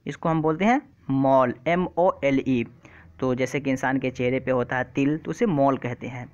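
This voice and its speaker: A man's voice: medium pitch, moderate pace, lo-fi sound. A man teaching an exam-prep vocabulary lesson online, who often repeats terms and keeps asking his viewers questions. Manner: repeats words and quizzes the viewer.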